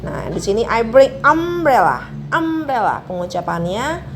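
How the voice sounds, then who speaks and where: A woman's voice: fairly high pitch, big pitch swings, a little slow, a little hiss or hum. A woman teaching an English grammar lesson with an Indonesian accent, explaining step by step, repeating example words and checking that students follow.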